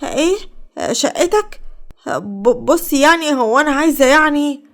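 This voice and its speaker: A woman's voice: sits high, lively intonation, a little slow, pitched above the performer's own voice. A woman with an Egyptian Arabic accent voicing a jealous, scheming young woman who gets flustered. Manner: wheedling, flustered.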